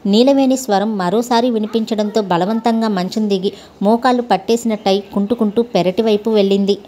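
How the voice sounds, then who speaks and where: A woman narrating a scripted story in a calm, even storytelling manner. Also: medium pitch, a little fast.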